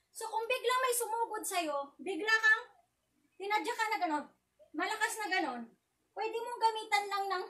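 A woman with a very high, bright and sharp voice, out of breath as she leads a casual self-defense drill. She chats, laughs easily and barks out counted shouts. Her voice sounds distant from the mic. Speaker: self-defense tutorial vlogger.

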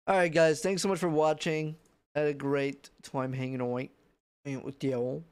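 A man's voice: on the high side, level tone, moderate pace, smooth, dry recording. A man streaming and chatting with viewers in a loose, mumbling way, heard through a livestream headset mic. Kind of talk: casual chat with viewers.

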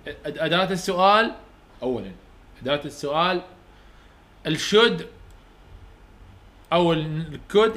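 A man's voice: sits high, pushed and bright. Iraqi man dictating grammar rules. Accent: Iraqi Arabic. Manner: repeats rules slowly for dictation; colloquial step-by-step explaining. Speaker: university English tutor. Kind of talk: lecture.

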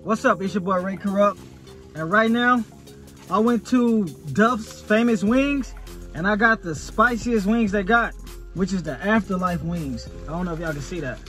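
A man's voice: high voice, normal speed, fairly bright tone, faint music behind. A man in his thirties chatting casually to camera inside a parked truck, slangy and swearing freely. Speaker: food challenge vlogger.

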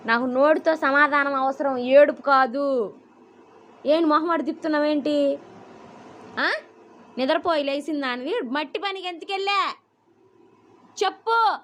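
A woman's voice: high-pitched, a little slow, long pauses, a bit bright, a little hiss or hum. A young woman, a mother, sternly scolding her small child at home with repeated questions and commands. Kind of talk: casual home vlog, talking to a child.

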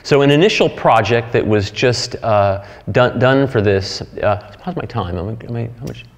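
A middle-aged man giving a conference keynote, halting and full of fillers and restarts. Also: medium pitch. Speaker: keynote speaker. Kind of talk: conference talk. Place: lecture hall. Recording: hall reverb.

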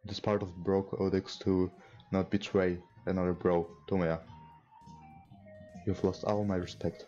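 Reading a visual novel's text aloud and adding casual comments, a young non-native English-speaking let's player talks in a low, dark, level voice. He is unhurried and leaves long pauses. He sits at a computer in a small room indoors, and the muffled recording carries the game's background music.

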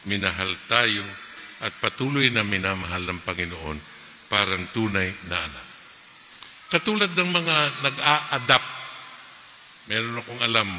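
A priest giving a homily at Mass, animated, acting out parents and children in quick asides. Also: male voice, mid-range voice. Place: large church. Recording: reverberant church hall, faint noise.

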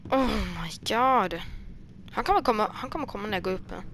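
A woman's voice: mid-range voice, lively intonation, fairly bright tone, slight background noise. A woman hosting a gaming channel, giving casual let's play commentary while jumpy and easily scared, talking to the game characters as she plays.

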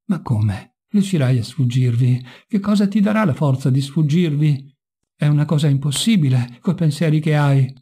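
A man's voice: on the high side, moderate pace, warm tone, breathy edge. A man voicing a devout young man who pleads and questions in distress, in a read-aloud novel. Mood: anguished.

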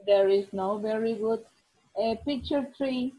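A woman's voice: on the high side, slow pace, warm tone, dry recording, low-quality recording. A woman English teacher giving an online class on a video call, explaining patiently and drawing out her examples.

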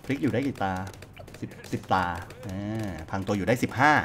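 Man, low-ish voice, relaxed chatty game commentary, faint game music behind. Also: fairly quick. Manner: chatty, thinks aloud while playing. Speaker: gaming YouTuber. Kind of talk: casual let's-play commentary.

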